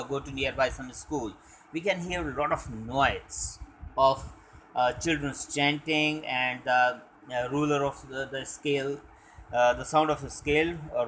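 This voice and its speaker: Slow, halting male teacher. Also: fairly high pitch, sharp tone, slight background noise, low-quality recording. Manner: halting explanations full of "uh" and "okay". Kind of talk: reading a story aloud and explaining it line by line.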